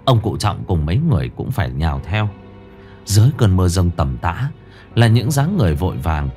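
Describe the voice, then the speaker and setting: A man narrating a ghost story in an expressive, dramatic storytelling manner. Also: low voice, fairly quick, faint music behind.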